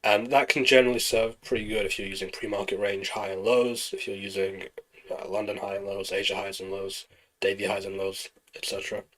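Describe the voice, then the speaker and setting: A man streaming live trading, talking through charts and answering chat questions in a relaxed, explanatory way. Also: on the low side, fairly quick, rough recording. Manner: relaxed, explanatory, thinking aloud over charts.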